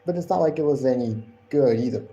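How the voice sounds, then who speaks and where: Dark-voiced man hosting a casual stream. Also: mid-range voice, fast talker, dull audio, slight background noise. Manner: rambling, repeats and corrects himself. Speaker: wrestling podcast host. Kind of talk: casual live-stream commentary.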